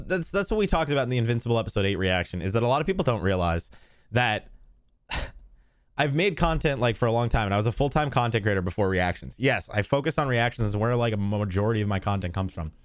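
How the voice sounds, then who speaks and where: A man's voice: mid-range voice, no echo, studio quality. Chatty man laughing as he streams. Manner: rambling and chatty, laughs often, swears. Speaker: streamer reacting live. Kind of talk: casual live-stream chat.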